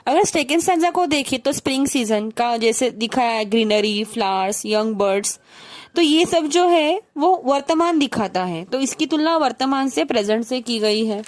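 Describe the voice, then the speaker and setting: A woman's voice: a little high, expressive, moderate pace. A woman teacher from Mumbai with a Mumbai accent, explaining a poem step by step and mixing English terms into her Hindi.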